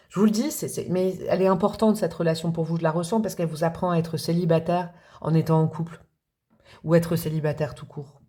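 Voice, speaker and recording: A woman giving a casual tarot reading, talking straight to her viewers and thinking aloud as she goes. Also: sits low. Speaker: tarot reader.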